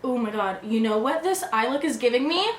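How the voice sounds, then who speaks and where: A woman's voice: a little high, lively intonation, brisk, a little hiss or hum. A young woman giggling tipsily as she chats casually through a makeup tutorial. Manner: giggly, tipsy. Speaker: makeup vlogger. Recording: echoey room with background music.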